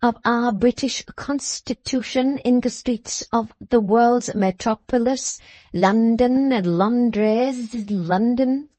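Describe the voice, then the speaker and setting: A woman plays a pompous, condescending middle-aged Englishman who speaks slowly and over-explains, as if to a deaf child. Her voice is pushed up, on the high side and mellow, with no room sound.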